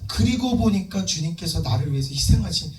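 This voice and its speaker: A man's voice: on the high side, expressive, fairly quick, a little mellow. A man preaching a sermon as pastor, fervent and emphatic, calling out to the congregation. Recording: echoey room, distant mic, faint music.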